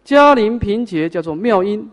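A man's voice: high-pitched, expressive, moderate pace, highs cut off. A man teaching a Buddhist sutra, explaining each point step by step and answering his own questions. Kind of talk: sutra lecture.

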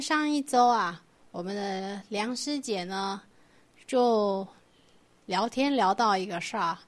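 Higher-voiced woman teaching Buddhism. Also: a bit bright. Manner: explains patiently with rhetorical questions to the class. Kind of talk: Buddhist doctrine lecture.

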